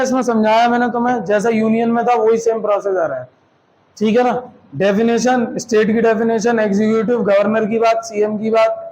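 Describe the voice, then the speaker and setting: A man gives a classroom lecture in a voice that sits high and a little mellow, with dull audio. He explains things step by step, mixes Hindi with English terms, and checks in with students through rhetorical questions.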